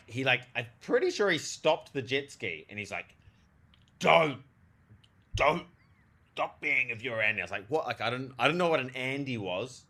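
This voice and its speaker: Male game streamer, retainer lisp, bright forceful voice, animated, slangy, casual chat with viewers. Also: mid-range voice. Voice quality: lisp, made stronger by a new retainer. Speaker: live streamer, theologian. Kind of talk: casual livestream chat over gameplay.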